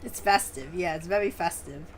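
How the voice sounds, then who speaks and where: A woman's voice: fairly low pitch, normal speed, slight background noise, poor audio. A young woman streamer giving casual game commentary in a teasing, foul-mouthed, slangy way.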